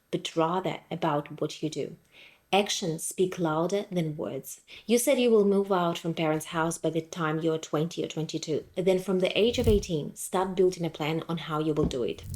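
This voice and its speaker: A woman from Ukraine in her thirties with a lowish voice delivers a scripted motivational talk. She speaks in a firm, direct and emphatic way. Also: a little mellow. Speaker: motivational vlogger.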